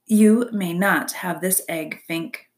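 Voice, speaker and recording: A woman voicing a calm, gentle female robot who speaks in a plain, level, matter-of-fact way. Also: lowish voice, slow pace.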